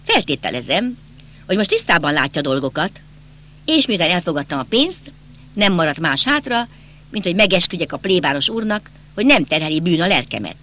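A man's voice: high voice, sing-song, sharp tone, exaggerated voice. Man voicing a bitter, agitated young count. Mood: tense. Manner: insistent, bitter and accusing. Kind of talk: audiobook character reading.

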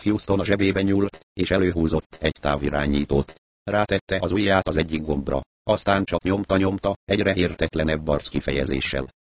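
Deep-voiced male audiobook narrator. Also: no echo. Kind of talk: scripted narration.

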